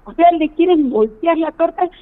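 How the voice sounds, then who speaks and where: A woman's voice: very high voice, lively intonation, normal speed. A middle-aged woman, calling in to a radio show to complain, indignant and pleading as she tells her story. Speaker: caller. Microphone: phone. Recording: tinny phone line on radio.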